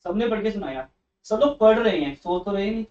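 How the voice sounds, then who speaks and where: A man teaches economics to a class, stopping to correct and scold his students as they read aloud. His voice sits fairly high. The recording is dull and lo-fi, as if made in the classroom. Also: animated, brisk, darkish tone. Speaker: commerce teacher.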